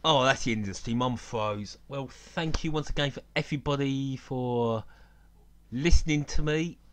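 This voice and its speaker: A male football commentator talks through a live match in a loose, chatty way, with blunt opinions. He laughs at his own jokes and sits at an outdoor stadium on a cold evening, his pitch in an ordinary middle range. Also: normal speed, a bit bright.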